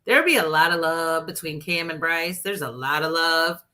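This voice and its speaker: A woman's voice: low-pitched, lively intonation, normal speed, sharp tone. A woman hosting a sports podcast, talking candidly in a chatty way, full of "like" and "literally.". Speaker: podcast host. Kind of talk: casual sports chat.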